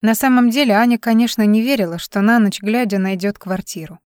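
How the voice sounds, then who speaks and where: A woman reading a novel aloud in a steady storytelling manner. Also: medium pitch, fairly quick, no echo, studio quality. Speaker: audiobook narrator. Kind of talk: scripted narration.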